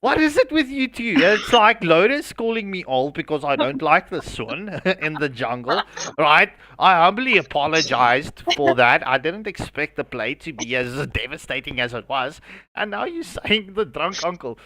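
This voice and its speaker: A South African man calls a live esports match with a bright, ringing tone and a slow, drawn-out delivery. His voice sits a little high for a man and sounds close and dry, and he jokes about himself and laughs between the calls. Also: expressive, no echo. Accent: South African English. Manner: jokey and self-mocking, laughs between calls. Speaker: esports caster.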